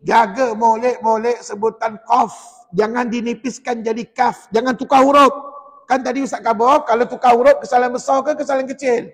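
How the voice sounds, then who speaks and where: A man with a Malaysian Malay accent teaching a tajwid class in a mosque, explaining pronunciation and chanting verses slowly for the class to repeat. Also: very high voice, flat delivery, breathy edge. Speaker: Quran recitation teacher. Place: mosque hall. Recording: long echo of a mosque hall.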